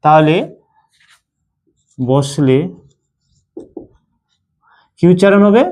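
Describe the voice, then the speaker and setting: Male teacher with a Bengali accent, fairly high voice, slow and deliberate, quizzing himself as he goes. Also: a little mellow. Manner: slow, repetitive, asks and answers his own questions. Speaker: English teacher. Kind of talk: slow spoken lesson.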